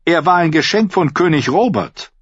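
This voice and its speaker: A man's voice: fairly high pitch, expressive, moderate pace, husky, no room sound, highs cut off, pitched above the performer's own voice. A man voicing a plaintive knight in a storybook reading.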